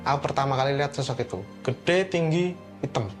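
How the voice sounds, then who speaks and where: A man's voice: mid-range voice, lively intonation, a little fast, faint music behind. A man giving casual testimony to an interviewer, chatty and addressing him familiarly.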